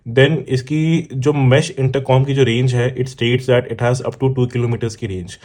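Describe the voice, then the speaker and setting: A man with an Indian accent speaks in a mid-range, slightly mellow voice, unhurried and fairly even in intonation. He's a motorcycle vlogger and product reviewer doing a casual unboxing in a mix of Hindi and English, talking straight to the viewer. He explains things with examples and keeps checking in with his audience.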